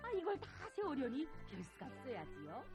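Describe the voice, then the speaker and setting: A woman's voice: sits high, huge pitch swings, a little fast, over music. An actress with a North Korean accent playing an emotional factory worker and mother in a drama. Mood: indignant. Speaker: actor. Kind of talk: North Korean film or stage drama acting.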